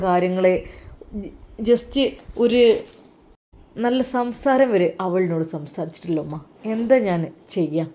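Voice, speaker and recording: A woman's voice: mid-range voice, dark tone, natural voice. A woman doing a stern weary husband. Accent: Malappuram Malayalam.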